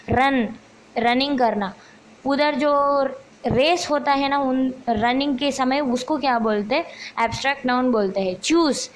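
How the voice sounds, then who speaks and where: A woman teaches an English grammar lesson. She talks in a high voice at an unhurried pace. She slows right down to read each example sentence word by word. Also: a little hiss or hum, poor audio. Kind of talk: explaining grammar exercises.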